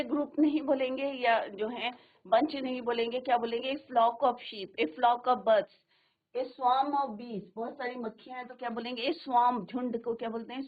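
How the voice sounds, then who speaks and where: Unhurried teacher, woman, tinny studio broadcast. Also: fairly high pitch. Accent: Hindi. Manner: asks the class questions and answers them herself, says English examples slowly. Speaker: English teacher. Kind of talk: classroom lesson.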